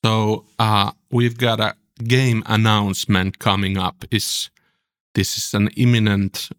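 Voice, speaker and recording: Podcast host, male, forties, fairly deep, measured and halting conversational delivery. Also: flat delivery, fairly bright tone. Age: 40s. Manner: halting, repeats words. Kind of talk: casual chat.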